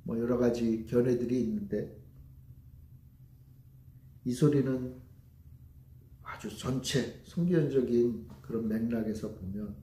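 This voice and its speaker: A man's voice: medium pitch, warm tone, echoey room. A man preaching a sermon as pastor, emphatic and full of rhetorical questions to the congregation.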